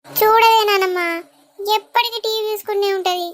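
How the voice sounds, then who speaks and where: A woman voicing a sweet, teary young village granddaughter in an animated comedy, talking in a pleading, childlike way. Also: very high-pitched, normal speed, no echo. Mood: complaining.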